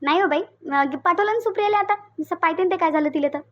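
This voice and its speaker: Cartoon housewife: high, quick, offhand voice, Varhadi accent. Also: female voice, dull audio. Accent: Vidarbha Marathi (Varhadi). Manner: offhand, dismissive. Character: easygoing household woman, dismissive. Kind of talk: cartoon voice acting.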